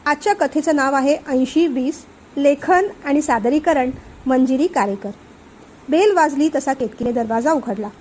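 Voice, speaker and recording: A woman narrating a scripted family story with a high, clear pitch. She tells it expressively, giving each scene color. She also hosts the channel herself. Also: moderate pace, darkish tone, slight background noise.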